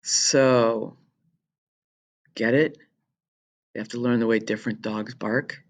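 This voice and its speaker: A woman teacher talking through a recorded lesson for her students in a chatty, jokey way, explaining with quick asides. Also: a bass voice, fairly even intonation, highs cut off.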